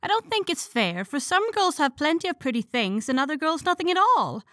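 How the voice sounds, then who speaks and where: A woman doing prim little Amy, high-pitched. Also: big pitch swings, fairly quick, fairly bright tone, no echo, studio quality. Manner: sulky, dignified. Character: youngest little girl, prim and haughty.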